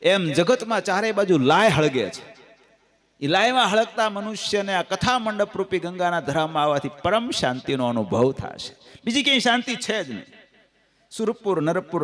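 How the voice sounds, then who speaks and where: A Gujarati-accented man with a slightly high voice delivers a devotional scripture discourse as a katha storyteller, weaving stories and folk anecdotes in a lively, sing-song manner.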